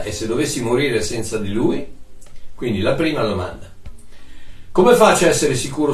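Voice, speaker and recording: Guy preaching a sermon, swings up and down a lot, roomy echo, soft music behind. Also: medium pitch. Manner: emphatic, lively preaching with long lists and sudden drops to soft tones. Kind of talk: sermon answering listener questions. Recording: echoey, a little distant, soft music underneath.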